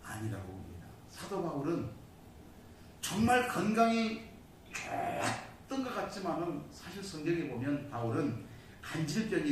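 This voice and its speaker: A man preaching a sermon in a church, telling a story with sudden swings between loud and soft. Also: fairly high pitch, a little hiss or hum. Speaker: pastor. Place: church sanctuary. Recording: distant mic in a very echoey hall.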